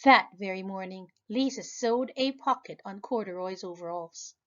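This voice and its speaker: A woman, a preschool teacher, reading a children's picture book aloud in a lively, expressive way. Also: moderate pace, highs cut off. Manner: animated, high voices for characters. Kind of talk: children's storybook read-aloud.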